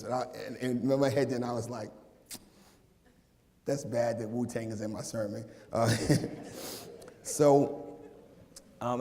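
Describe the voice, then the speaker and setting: A man's voice: mid-range voice, warm tone, a little hiss or hum. Joking preacher in his forties. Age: 40s. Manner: joking, conversational preaching with playful asides. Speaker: minister. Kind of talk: sermon. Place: church sanctuary. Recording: long reverb of a large church.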